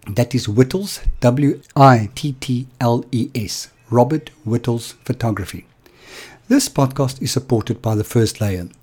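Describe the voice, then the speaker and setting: Animated guy hosting a podcast, kinda husky, laughs a lot, pitch jumps all over. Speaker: podcast host. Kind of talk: podcast interview and intro.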